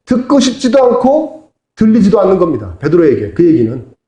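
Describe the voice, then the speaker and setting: A man's voice: high voice, wildly swooping pitch, brisk, dark tone. A man preaching as pastor to his congregation, asking them to repeat after him and answer back. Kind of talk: sermon. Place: church sanctuary. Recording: echoey church hall.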